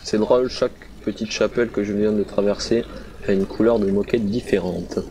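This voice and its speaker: A man's voice: fairly low pitch, fairly even intonation, a little fast, background noise. A man chatting casually with friends during a game, informal and often asking questions. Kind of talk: casual gaming chat.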